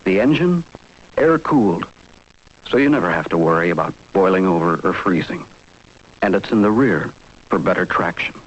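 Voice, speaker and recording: Deep, assured vintage car pitchman played by a man. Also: animated, normal speed, long pauses. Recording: dull, muffled old commercial.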